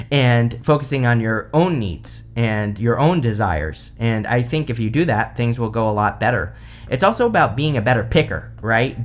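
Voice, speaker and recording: A man giving an unscripted tarot reading in a casual, conversational way, rambling a little as he explains cards and speaks straight to the listener. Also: medium pitch. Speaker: tarot reader, host.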